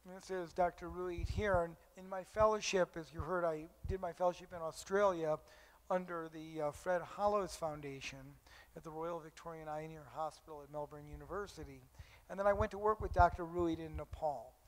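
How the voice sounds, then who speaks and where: A man's voice: fairly high pitch, steady tone, fairly quick, long reverb tail, low-quality recording. A middle-aged male eye surgeon giving a conference lecture, telling stories with frequent ums and uhs.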